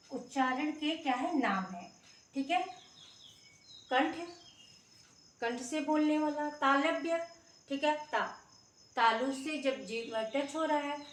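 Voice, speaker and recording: A woman with a high voice teaches a grammar lesson at an unhurried pace. She patiently sounds out letters one by one and keeps checking in with her pupils. She is recorded from a distance in an echoey room, with faint crickets behind her. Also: a bit bright, a little hiss or hum. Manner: patient, repeats sounds aloud and checks in often. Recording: roomy echo, mic far off.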